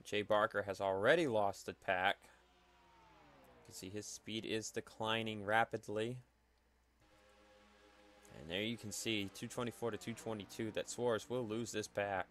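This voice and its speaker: A man giving calm, analytical play-by-play commentary for a simulated stock car race, with faint noise behind him. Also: on the low side, measured pace, long pauses, faint music behind. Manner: calm, analytical play-by-play that rises sharply at wrecks. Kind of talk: solo sim racing commentary.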